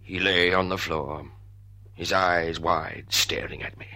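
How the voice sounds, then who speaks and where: A man's voice: deep voice, steady tone, takes it slowly, pushed and bright, full character voice. An actor playing an embittered, tormented father in a radio drama, speaking and narrating with grave, dramatic intensity. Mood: grave, bleak. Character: embittered, tormented father haunted by a blood feud.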